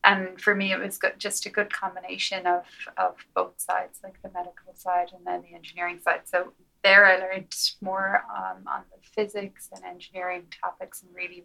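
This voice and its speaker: A woman's voice: medium pitch, creaky, bright, forceful tone, rough recording. A woman with a west of Ireland accent giving conversational interview answers as a researcher, hesitating and repeating words as she goes. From Galway, west of Ireland. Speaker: interview guest, academic researcher.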